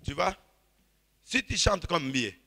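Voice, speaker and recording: A man preaching a sermon in short phrases, pausing for his interpreter and calling for amens. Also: fairly high pitch, very animated, pushed and bright. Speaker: pastor. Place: church hall. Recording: reverberant church hall.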